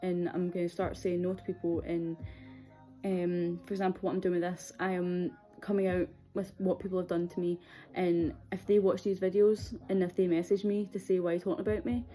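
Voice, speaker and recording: A woman's voice: lowish voice, little pitch movement, a little fast, mellow, soft background music. A young adult woman with a Scottish accent telling a personal story in a candid, hesitant, conversational way. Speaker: video series host.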